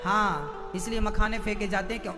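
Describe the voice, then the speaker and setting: High bright-voiced male preacher, echoing hall. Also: a little fast. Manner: storytelling, rhetorical questions to the crowd. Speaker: spiritual preacher. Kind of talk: devotional sermon. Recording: long hall reverb with faint music.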